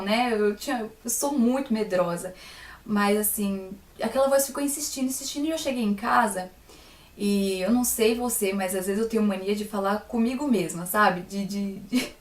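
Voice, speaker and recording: A young Brazilian woman tells her faith testimony in a loose, personal way, often turning to her listeners with small asides. Her voice sits a little high. It sounds roomy and echoey, picked up from a distance. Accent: Brazilian Portuguese. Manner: chatty, personal, full of "né" and "sabe" asides to listeners.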